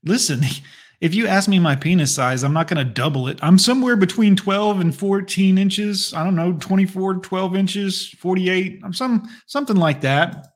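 A man with a fairly high voice delivers blunt, crude commentary. He mocks and scolds without holding back. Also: moderate pace. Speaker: commentator reacting to a radio clip. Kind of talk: profane reaction commentary.

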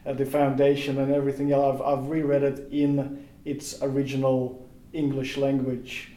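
A native Russian speaker with a Russian accent talks thoughtfully as a guest on a casual podcast interview, searching for words and restarting often. His medium-pitched voice is warm and monotone at a normal speed, and the recording is reverberant.

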